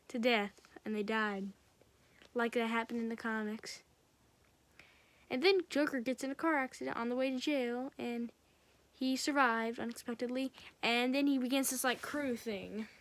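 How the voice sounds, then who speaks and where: A woman with a slightly raised pitch talks through a film's story as a casual reviewer. She rambles, restarts and links every beat with "and then", keeping it loose and conversational. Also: a bit bright. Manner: rambling, strings events together with "and then". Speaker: film reviewer. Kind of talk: casual film recap.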